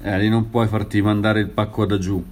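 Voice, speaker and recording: A man's voice: lowish voice, little pitch movement, a little fast. A man chatting casually as a listener, chipping in with brief agreeing remarks. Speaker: conversation partner. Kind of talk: casual chat.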